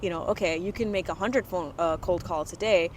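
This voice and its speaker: A woman's voice: fairly low pitch, brisk, a little hiss or hum, poor audio. A woman in her twenties from Dubai, a guest entrepreneur talking casually in an interview, full of "you know" and "like" fillers. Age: 20s.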